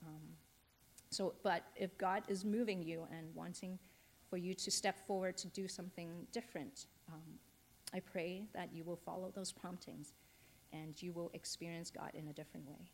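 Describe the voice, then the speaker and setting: A woman from a charity speaking to a church congregation, inviting volunteers in a gentle, hesitant way with many pauses. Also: on the low side, slight background noise. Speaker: charity representative. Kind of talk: church announcement and appeal. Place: church hall.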